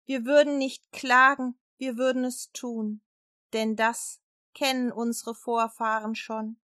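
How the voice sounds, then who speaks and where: A woman's voice: on the high side, a bit bright, no room sound, clean studio sound. A woman voicing a brave young queen in a storybook, speaking earnestly and solemnly. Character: brave young queen pleading for her people.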